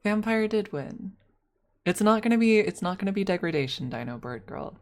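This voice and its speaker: A young adult woman streaming, chatting casually and thinking out loud as she plans a role-play with her chat, laughing often and swearing freely. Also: mid-range voice, animated, moderate pace. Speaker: ASMR streamer.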